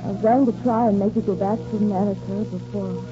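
A woman's voice: mid-range voice, steady tone, fast, lightly acted. An actress playing a grave, self-sacrificing young woman in love in a 1940s radio drama. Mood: sad confession. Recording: dull vintage radio, loud music behind.

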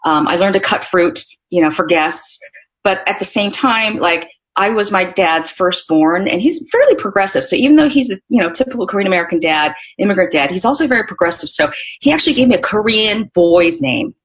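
A woman's voice: mid-range voice, animated, fairly quick. A middle-aged woman from Northern California, a podcast guest chatting casually and telling stories with lots of fillers. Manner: chatty storytelling with frequent fillers. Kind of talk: casual interview conversation. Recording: dull lo-fi audio.

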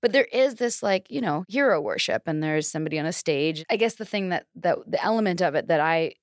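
A woman's voice: lowish voice, animated, brisk, dry recording, studio quality. A woman in her thirties co-hosting a podcast in casual chat, laughing often and digressing. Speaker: podcast co-host.

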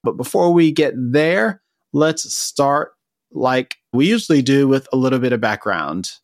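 Podcast host with a dry close sound. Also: male voice, medium pitch, a little slow, dry recording. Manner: relaxed, conversational questioning. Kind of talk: interview podcast.

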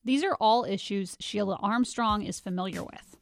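A woman reporter narrates a news feature in a clear, even storytelling voice. Her pitch sits in a middle range. Soft music plays faintly behind her. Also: normal speed, no room sound. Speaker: radio reporter. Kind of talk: scripted narration.

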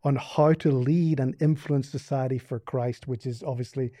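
A man with a Northern Irish accent, a podcast guest who explains his ideas in a thoughtful, measured way. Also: medium pitch, steady tone, dark tone, no echo. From Northern Ireland. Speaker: podcast guest, seminary department chair. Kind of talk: casual conversation.

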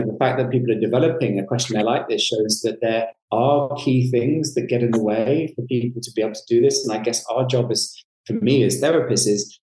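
Male clinical psychologist, mellow reflective talker with casual asides, recorded with roomy echo. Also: fairly low pitch. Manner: reflective, with frequent "you know" asides. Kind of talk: conversational interview explanation.

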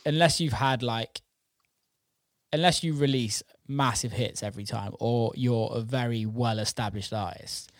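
An unhurried, mid-range male voice comes through clean studio sound with no echo. He hosts a podcast, produces music and runs a record label, and his talk about the music scene and his work is casual, rambling and informal, with occasional swearing.

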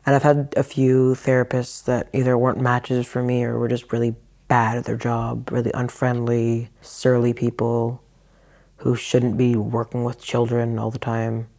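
A man's voice: completely flat delivery, normal speed, gravelly, mellow. A man giving a frank, reflective personal account in an interview. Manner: reflective, frank, low-key. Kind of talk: candid personal testimony.

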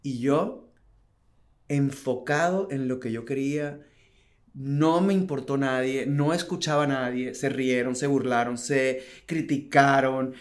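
A man's voice: mid-range voice, measured pace. A man telling his business story in a casual interview, acting out quotes and laughing often. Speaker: guest entrepreneur.

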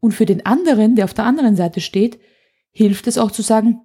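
Guesting on a podcast, an anger coach explains emphatically and illustrates with vivid examples in a conversational interview. Her voice is a little high, mellow and husky, and she talks briskly.

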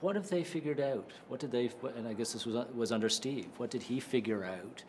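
A man hosting an interview, asking curious, measured questions. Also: medium pitch, a little mellow, slight background noise. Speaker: interview host.

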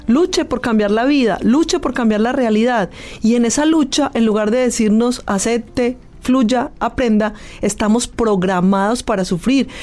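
Earnest high-voiced woman guest. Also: darkish tone. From Colombia. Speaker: guest, clinical hypnosis expert. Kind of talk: explanatory interview talk. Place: studio booth.

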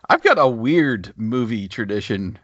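A man's voice: mid-range voice, expressive, a little slow, a bit bright, no room sound. Podcast guy, bouncy voice, rambles with lots of ums, dry dull sound. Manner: rambling, hesitant, lots of fillers. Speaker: podcast co-host. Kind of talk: casual chat.

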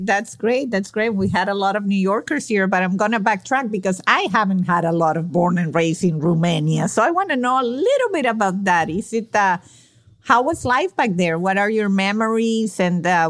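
A woman's voice: medium pitch, animated, normal speed. Curious woman podcast host interviewing a guest. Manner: curious, inviting questions. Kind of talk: interview conversation.

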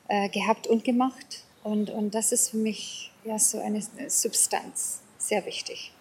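A woman's voice: medium pitch, steady tone, slow, a little mellow. Woman with English-accented German, Bavarian touches, noisy recording. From South Africa. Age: middle-aged or older. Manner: hesitant, searching for words, repeats phrases. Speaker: interview guest. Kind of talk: casual conversational interview.

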